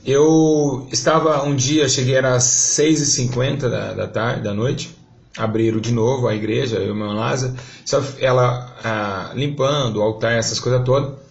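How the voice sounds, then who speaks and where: Brazilian pastor, male, gravelly voice, fervent testimony preaching, dull lo-fi recording. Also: medium pitch, fairly even intonation, moderate pace. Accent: Brazilian Portuguese. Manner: fervent storytelling, voice rising in prayer.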